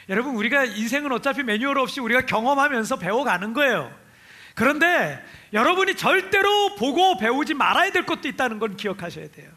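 Male pastor from Chungcheong, chatty sermon, bright, high voice. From Chungcheong, Korea. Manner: animated, chatty, laughs with the congregation.

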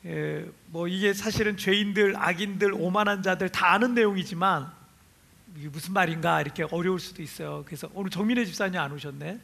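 Male pastor from Chungcheong, chatty sermon, bright, high voice. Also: brisk, vocal fry. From Chungcheong, Korea. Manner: animated, chatty, laughs with the congregation.

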